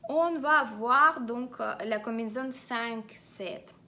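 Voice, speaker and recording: Lady explaining feng shui, slightly high voice, lots of euh and restarts. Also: takes it slowly, sharp tone. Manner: hesitant, many filler sounds and restarts; instructive, repeats directives. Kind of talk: explanatory online teaching.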